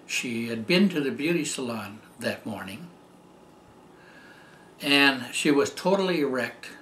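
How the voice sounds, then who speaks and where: An older man recounts a personal story in an earnest, meandering way, often stumbling into "and, um" restarts. His voice sits at an ordinary middle pitch, with a faint hum of ambience behind him. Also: lively intonation, a little slow, fairly bright tone, roomy sound. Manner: rambling, heartfelt, many fillers and restarts. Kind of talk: casual spoken testimony.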